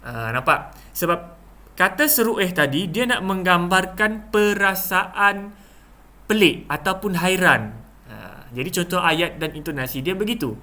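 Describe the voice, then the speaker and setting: A man's voice: high voice, animated, unhurried, bright, forceful tone. A young man with a Malaysian Malay accent teaching a lesson, acting out examples with exaggerated intonation and many fillers. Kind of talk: classroom lesson explanation.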